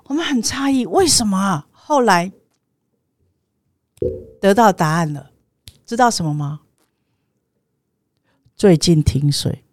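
A woman's voice: no echo, clean studio sound. A woman hosting a podcast who tells a personal story in a casual way, acting out the phone calls in a raised voice. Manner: animated, acts out phone calls with raised pitch. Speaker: podcast host.

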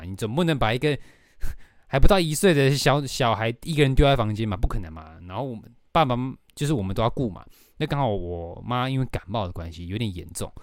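A young man with a Taiwanese Mandarin accent hosts a casual podcast, telling a rambling story peppered with casual swearing. His voice is fairly low, and the clean studio sound carries no echo.

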